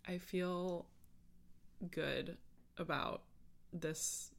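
A woman's voice: lowish voice, steady tone, very slow, creaky. A woman podcast host chatting casually on her own in a rambling way, often interrupting herself and leaning on filler words. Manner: rambling, self-interrupting, filler-heavy speech. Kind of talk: casual solo podcast chat.

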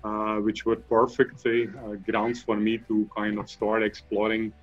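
Man, low monotone, rambling interview guest, muffled audio with faint music. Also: measured pace. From Belgium (Flanders). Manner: rambling, many fillers and restarts. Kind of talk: conversational interview.

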